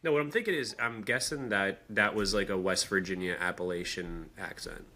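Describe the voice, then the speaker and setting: A man's voice: low-pitched, a little fast, sharp tone. A young man co-hosting a podcast, chatting casually and sometimes hamming up a reading in a put-on voice. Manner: reads aloud in a hammy put-on voice, laughs easily. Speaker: podcast co-host. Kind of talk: casual chat.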